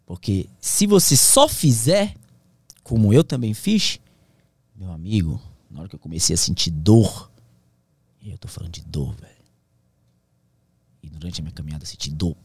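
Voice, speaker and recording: A man's voice: low-pitched, lively intonation, moderate pace, long pauses, darkish tone, breathy edge, dry recording. A man, a pilot who is a podcast guest, telling his survival story in a slangy, intense way that sometimes drops to a whisper. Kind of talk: emotional storytelling in casual conversation.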